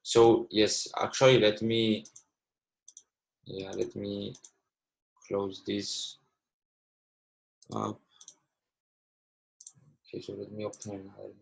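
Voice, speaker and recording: The speaker, a Greek-speaking man in his twenties from Cyprus, teaches trading live online via video call on a low-quality recording. His lowish voice is monotone and slow, with vocal fry and frequent pauses. He fills gaps with "okay" often, in slightly broken English.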